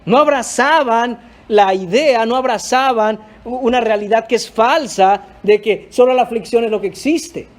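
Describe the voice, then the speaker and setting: A man's voice: very high-pitched, normal speed, hardly any pauses. A male pastor preaching a sermon, emphatic, often calling out to the congregation. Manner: emphatic, repeatedly addressing the congregation.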